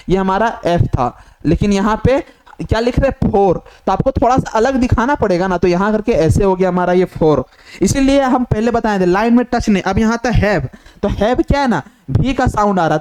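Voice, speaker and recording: A man's voice: high-pitched, a little mellow, clear, resonant tone. A man teaching a lesson. He keeps asking questions and answering them himself, and he repeats his points. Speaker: shorthand teacher. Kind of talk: classroom lesson explanation.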